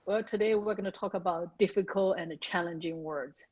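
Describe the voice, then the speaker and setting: In this recorded coaching session, a non-native English-speaking author works on pronouncing difficult words while learning to narrate audiobooks. Her fairly low, slightly mellow voice moves at normal speed. The recording sounds muffled, with faint music in the background.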